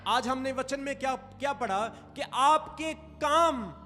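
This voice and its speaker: Slow, pushed and bright, a very high-pitched male voice preaches a sermon. This pastor stresses and stretches key phrases and calls on the congregation to respond, all within a reverberant hall carrying faint music.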